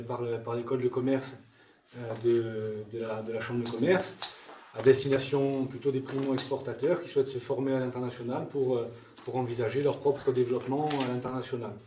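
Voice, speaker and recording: A man's voice: medium pitch, warm tone. Man in a roomy, distant recording, darker tone. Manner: halting, repeats words while searching. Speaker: webinar host giving introduction. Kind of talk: informal introductory presentation. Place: training room with attendees. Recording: roomy, distant mic with faint noise.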